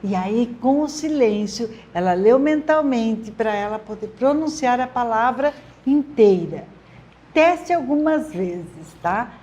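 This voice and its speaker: High-voiced Brazilian woman giving friendly teaching advice. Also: animated, slow, lo-fi sound. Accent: Brazilian Portuguese. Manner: warm and encouraging, with many tag questions. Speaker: literacy teacher answering parents' questions. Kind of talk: friendly advice talk to parents.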